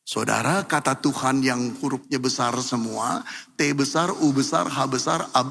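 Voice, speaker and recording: A man preaching a sermon as pastor, emphatic and building to loud repeated cries. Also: medium pitch, normal speed, vocal fry, slight background noise. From Indonesia. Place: large church hall. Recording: echoey church hall, long reverb.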